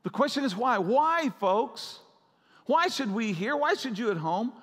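Man, pastor, sermon, high voice, urgent repetitive preaching, long church reverb. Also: expressive, a little slow, a bit bright. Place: church sanctuary.

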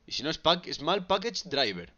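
A man with a Galician Spanish accent streams himself playing a wrestling game. His pitch is fairly high and swings widely as he shouts and rattles off repeated words. The audio is dull and lo-fi. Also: sing-song, moderate pace. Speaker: gaming streamer. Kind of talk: live gameplay commentary.

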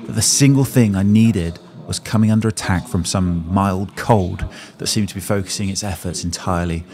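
A man's voice: deep voice, normal speed, a little mellow. A man reading scripted first-person narration for a vlog. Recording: music behind.

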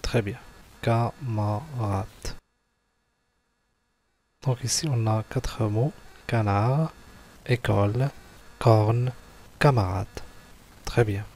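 Slow, patient male teacher. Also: on the low side, fairly even intonation, dark tone, slightly rough. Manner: patient, spells letters and syllables one by one. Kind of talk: slow classroom exercise walkthrough.

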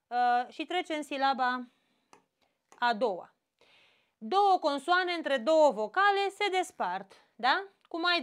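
A woman's voice: high voice, a bit bright. A woman with a Romanian accent teaching an exam-prep grammar lesson, explaining step by step and checking in with short questions.

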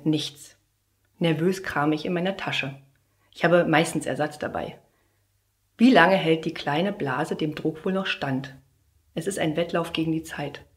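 A young woman, a trainee teacher, performs a humorous slam poem on stage, storytelling with a lot of bounce and sudden bursts of shouting. Her voice sits a bit low for a woman. It rings out in a roomy, echoing space. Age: young adult. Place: theater stage. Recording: roomy echoey stage sound.

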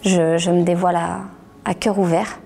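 A middle-aged woman and author telling her story in an interview, halting, restarting words and sometimes sinking to a near whisper. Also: on the low side, level tone, creaky, warm tone, a little hiss or hum. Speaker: author giving a testimony. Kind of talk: personal testimony interview.

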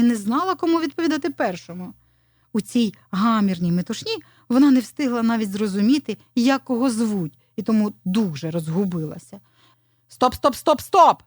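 Жінка розповідає дитячу казку. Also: female voice, a little high, no echo, studio quality. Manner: expressive storytelling. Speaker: storyteller. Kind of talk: children's audio story narration.

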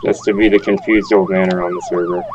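A man's voice: deep voice, wildly swooping pitch, fast talker, darkish tone, lo-fi sound, slight background noise. A man casually commenting on the game he is playing. He sounds chatty and amused. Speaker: gaming video host.

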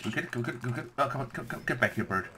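Excitable man narrating gameplay, lively pitch. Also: racing, noisy background. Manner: playful, gushes with delight, says "yoink" and "bam". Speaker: gameplay commentator. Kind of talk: casual let's-play commentary.

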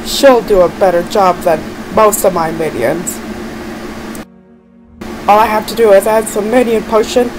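A woman's voice: mid-range voice, steady tone, measured pace, long pauses, over music, natural voice, rough recording. A woman voicing a vengeful, scheming male monster boss in an amateur cartoon, ranting and exclaiming. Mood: gloating, scheming.

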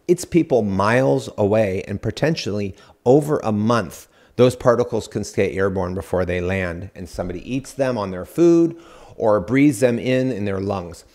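A man's voice: lowish voice, a little mellow. A man in his forties, a home builder hosting a show, explaining step by step to camera in an earnest, critical way, recorded on a studio mic indoors. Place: dim studio room, indoors. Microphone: studio mic on boom in front.

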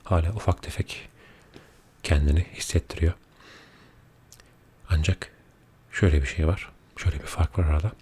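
Deep, quiet late-night man, soft-spoken ASMR. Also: steady tone, normal speed, pauses often, breathy edge. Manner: quiet, low murmur at night, often dropping near a whisper. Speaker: ASMR video creator. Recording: audible background noise.

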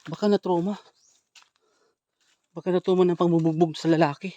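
Man, ghost-hunting vlog, outdoors in the woods, camera mic, hushed asides, mellow dark tone. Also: steady tone, fairly quick, lo-fi sound. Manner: low hushed asides to the camera, then loud urgent calling out. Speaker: ghost hunter vlogger. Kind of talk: live walkthrough vlog addressed to viewers. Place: outdoors in a forest.

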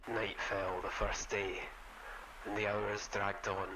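A man narrating a recorded tape inside a horror game, in a slow, flat, somber delivery. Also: lowish voice, noisy background.

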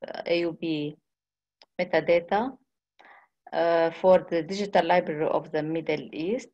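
A woman giving a conference presentation on a video call, speaking haltingly with frequent restarts and pauses. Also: lowish voice, a little mellow, low-quality recording.

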